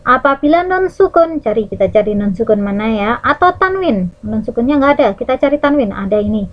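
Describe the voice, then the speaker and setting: Lively Indonesian woman teaching recitation rules. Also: a little high, dull audio. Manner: demonstrates Arabic recitation, stretching words slowly; lively teacherly, checks in with "ya" and "nah". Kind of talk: Quran recitation rules lesson for children.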